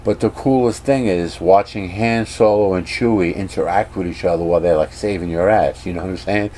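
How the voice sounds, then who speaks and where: Man, casual rant, rambling, opinionated, lowish voice, faint background hiss. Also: a little fast, mellow. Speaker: vlogger.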